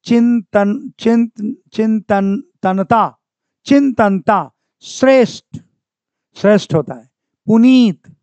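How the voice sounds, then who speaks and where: A man's voice: high voice, a little mellow, dry recording. A man teaching an exam-prep class, who repeats each word and keeps asking the class for answers. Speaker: Hindi grammar teacher. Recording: dry, dull lo-fi sound.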